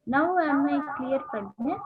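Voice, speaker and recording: A woman's voice: high voice, expressive, a little slow. A woman, heard over a video call with echo, politely asking whether she can be heard in a school staff meeting. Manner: hesitant, checking if she is heard. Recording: tinny echoey video-call audio.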